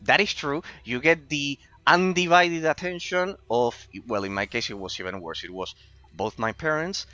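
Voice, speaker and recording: A man's voice: medium pitch, normal speed, sharp tone, dry recording, faint music behind. A man in his late twenties with an Argentine accent, chatting casually to viewers as he streams a game, rambling and repeating phrases for emphasis. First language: Spanish. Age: late 20s. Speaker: live streamer. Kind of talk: casual chat to viewers during gameplay.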